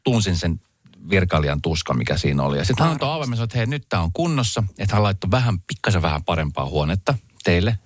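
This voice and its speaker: A male radio host telling a story in a chatty, animated way from a studio. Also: low voice, dry recording. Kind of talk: casual on-air storytelling. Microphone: studio microphone.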